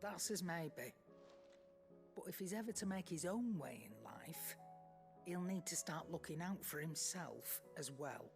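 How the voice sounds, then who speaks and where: Blunt old trader. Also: female voice, fairly low pitch, animated, a little slow, creaky. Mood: firm, blunt. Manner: blunt, folksy, no-nonsense. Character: gruff, shrewd old female trader called Nan. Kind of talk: video game dialogue. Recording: music behind the voice.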